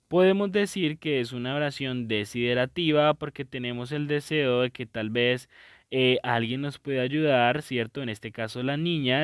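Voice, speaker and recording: A man's voice: mid-range voice, a bit bright, clear, resonant tone, dry recording, studio quality. A man teaching a recorded lesson, explaining step by step in a patient way and often checking in with his students.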